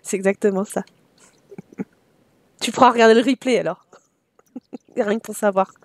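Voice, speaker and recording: A French woman streaming a life-sim game live, chatting with her viewers and fondly talking to her characters, sometimes switching into halting English with a French accent. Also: medium pitch, dry recording. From France.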